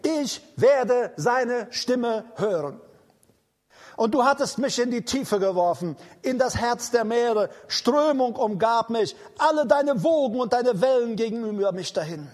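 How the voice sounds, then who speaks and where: A man preaching a charismatic sermon, proclaiming in declarative repetitions and slow, emphatic commands. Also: very high-pitched, a little mellow.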